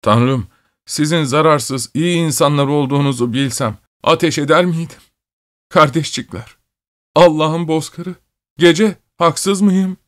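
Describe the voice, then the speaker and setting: A man's voice: on the low side, slow, slightly rough. A man voicing a feverish, frightened carpenter who pleads in a trembling, wheezing voice while crying. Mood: weeping.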